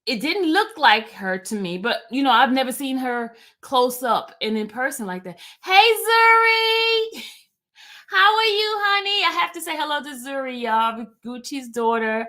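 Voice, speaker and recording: Reading her viewers' comments on a casual YouTube livestream, a New York woman chats animatedly, wanders off on tangents and addresses chat directly. She has a somewhat high voice and keeps a moderate pace.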